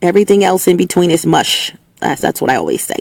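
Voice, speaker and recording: Speaking fast in a sing-song way, this female host runs a casual opinion monologue, preaching emphatically and frequently starting over or saying things twice. Her voice sounds a little mellow, slightly hoarse, and lower than normal. The dry recording was made on a setup with a level meter.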